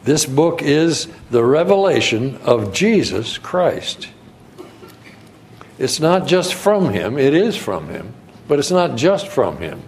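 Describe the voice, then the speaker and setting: An older man from New England giving a sermon in a conversational, folksy storytelling way with soft chuckles. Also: fairly high pitch, sing-song, takes it slowly, slight background noise. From Connecticut, New England. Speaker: guest preacher.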